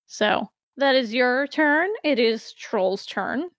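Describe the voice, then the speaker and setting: High-voiced woman game master, storytelling. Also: lively intonation, slow, no echo, clean studio sound. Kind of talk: narrating a tabletop fantasy game.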